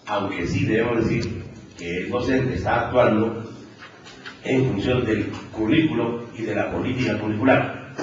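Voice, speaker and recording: A man with a lowish voice, with a little hiss or hum on the recording, gives a university conference lecture in a Peruvian Spanish accent. He explains step by step and checks in with the audience often. The sound is dull and lo-fi, captured from far off in an echoey large lecture hall.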